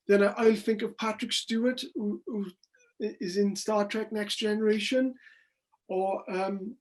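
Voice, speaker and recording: A woman interviewing authors over a video call, speaking haltingly with many restarts. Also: medium pitch, a little mellow. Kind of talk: casual interview.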